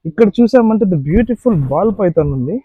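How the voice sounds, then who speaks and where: A man's voice: sits high, animated, unhurried, no room sound, phone-quality sound. A man vlogging casually at an outdoor animal park, chatting playfully to the animals. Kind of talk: casual vlog narration.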